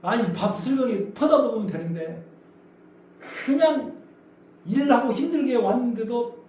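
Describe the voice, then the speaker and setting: Heard from a distance in an echoey church hall with faint noise, a male pastor with a very high voice preaches unhurriedly. He tells the story with animation, performing the characters' voices and questioning the congregation.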